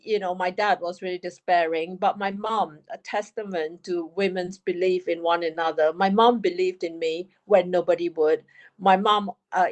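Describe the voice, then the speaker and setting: Woman, fifties, frank and self-deprecating, lowish voice. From United Kingdom. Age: 50s. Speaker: panel guest. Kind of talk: candid storytelling.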